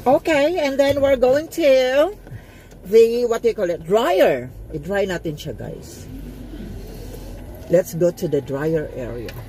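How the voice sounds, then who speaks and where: A woman's voice: medium pitch, expressive, takes it slowly. A woman with a Filipino accent narrating a casual vlog from inside a car, mixing Tagalog words into her English, recorded on a phone. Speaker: vlogger. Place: inside a car going through a car wash. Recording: loud car wash noise behind.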